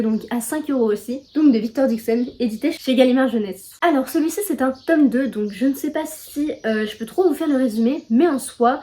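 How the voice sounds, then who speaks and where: Young woman, from France, casual book vlog chat, slightly high voice, filler words, self-deprecating. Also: warm tone. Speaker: book vlogger.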